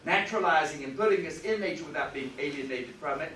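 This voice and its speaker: Speaking fast and animatedly in a fairly high, sharp voice, a man lectures on philosophy at a university, punching out key words emphatically. The mic sits across the spacious lecture room, picking up faint ambience.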